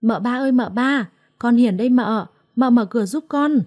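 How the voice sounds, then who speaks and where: A woman's voice: medium pitch, fairly quick, mellow, natural voice. A woman voicing a young female servant girl in a storybook, calling out urgently and talking in a rush of feeling. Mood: eager.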